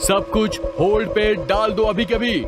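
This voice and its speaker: A man's voice: high-pitched, steady tone, normal speed, natural voice. A man playing a stern mine boss. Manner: firm, giving orders. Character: authoritative male mine boss. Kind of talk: dubbed film acting.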